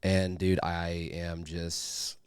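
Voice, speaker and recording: A man hosting a podcast with casual, sweary, rambling chat and sponsor reads, in an excitable manner. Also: sits low, very slow, smooth, no room sound, studio quality. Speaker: podcast host.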